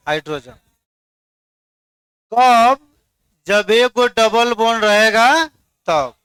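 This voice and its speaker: A man's voice: high voice, pushed and bright, smooth, dry recording. A man teaching a chemistry class, coaxing students and quizzing them by name. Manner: coaxing, repeats "dekhiye" to hold attention, quizzes students. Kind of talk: classroom lecture.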